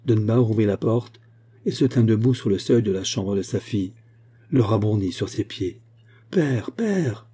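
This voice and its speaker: A man narrating a classic novel in a steady, measured audiobook reading. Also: fairly low pitch, husky.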